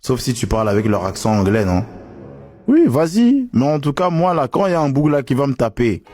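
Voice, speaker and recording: A young man chatting casually to his viewers, telling animated stories in street slang. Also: medium pitch, fast. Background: music playing.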